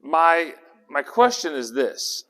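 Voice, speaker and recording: This Bible teacher's voice sits a little high and sounds bright and forceful, very animated yet slow in pace. Leading his group conversationally, he asks them questions and restarts words now and then, all captured with a hall's long echo.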